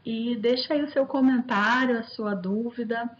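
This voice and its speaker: A woman's voice: fairly high pitch, fairly even intonation, normal speed, highs cut off. A woman teacher giving a recorded online lecture, explaining step by step, asking herself rhetorical questions and speaking directly to her students. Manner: addresses viewers directly and warmly as students. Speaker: linguistics teacher.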